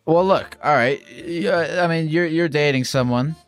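A man's voice: fairly high pitch, a little slow, faint music behind. A man hosting a podcast, talking to callers in a blunt, informal way. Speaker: podcast host. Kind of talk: casual call-in chat.

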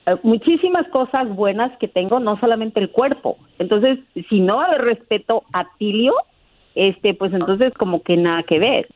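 A woman's voice: mid-range voice, lively intonation, normal speed, no room sound. A woman in her sixties chatting casually as a radio dating-show contestant, blunt and assertive. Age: 60s. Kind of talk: casual chat. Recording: muffled, dry call audio.

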